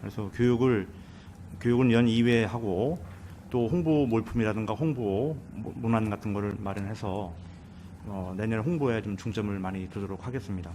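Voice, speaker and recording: A man, a department head, giving deferential, somewhat halting formal answers at a council meeting. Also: lowish voice, background noise. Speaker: department head, senior welfare official.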